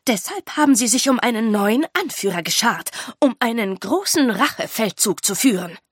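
A woman's voice: on the high side, animated, normal speed, husky, no echo, studio quality. A woman voicing a cold, scornful female headmistress who hisses and mocks. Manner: hissing, mocking.

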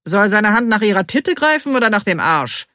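A woman voicing a gruff, grumpy middle-aged male delivery man who grumbles bluntly, in a dry, close audiobook recording. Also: mid-range voice, sing-song, normal speed, a bit bright, dry recording, voice pushed up. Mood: grumbling.

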